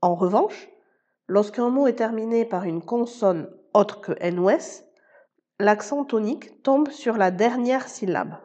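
A woman's voice: a little high, unhurried, dark tone. A woman teacher giving a scripted podcast lesson, explaining patiently and speaking to the listener informally. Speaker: Spanish teacher.

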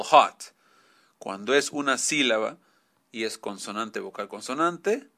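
Slow, bright-voiced male English teacher. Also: medium pitch. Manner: explains slowly, repeats "¿ok?" often. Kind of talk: bilingual grammar lesson.

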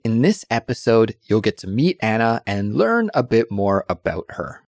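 Guy hosting an english learning podcast, lowish voice, dry close sound, calm and clear. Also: moderate pace, no room sound. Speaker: podcast host. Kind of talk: scripted announcement and casual interview.

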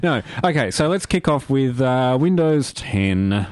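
A man's voice: mid-range voice, animated, a little slow, darkish tone, no echo. A man hosting a casual tech radio show in a studio, chatty and hesitant with many fillers. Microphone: studio mic.

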